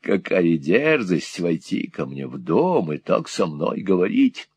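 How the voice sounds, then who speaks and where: A man voicing a spiteful, gloating old miser in a storybook reading, with a shrill, sneering, cackling voice. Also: big pitch swings, a little slow, a little mellow, breathy edge, dry recording, full character voice.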